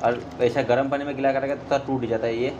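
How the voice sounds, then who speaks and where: A man talks his viewers through a home recipe in a relaxed, chatty way, explaining each step as he goes. His voice sits at an ordinary pitch. The kitchen recording carries clear background noise, with traffic audible from outside. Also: fast talker, highs cut off. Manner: chatty, step-by-step, keeps saying "friends". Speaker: cooking vlogger. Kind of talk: casual cooking narration.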